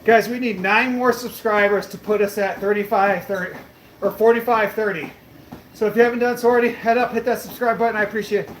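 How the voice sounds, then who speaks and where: With a high voice, fairly even intonation and a quick delivery, a late-thirties fitness streamer reads comments and chats on a treadmill, a bit breathless. He's brash and boastful and swears casually, recorded in an echoey gym with faint background noise.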